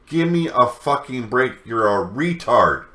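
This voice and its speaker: A man's voice: medium pitch, lively intonation, unhurried, pushed and bright, echoey room. A man hosting a wrestling news show, delivering a scornful rant full of profanity. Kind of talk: ranting news commentary.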